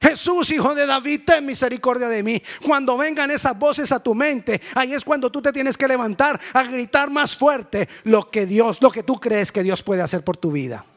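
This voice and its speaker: A man's voice: very high voice, expressive, normal speed, hardly any pauses, a bit bright. A man preaching a sermon with fervent, repetitive rhetorical questions.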